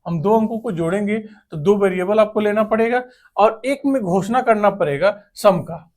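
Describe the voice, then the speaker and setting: A man's voice: high voice, normal speed, darkish tone. A male computer teacher giving a classroom lecture, posing questions and answering them himself, and restating key terms in English. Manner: answers his own rhetorical questions.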